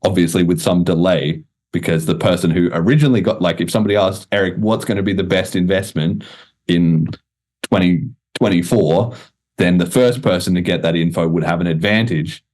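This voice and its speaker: A man hosts a podcast, explaining things casually and informally and swearing now and then. His voice is low, fairly quick, and a little mellow.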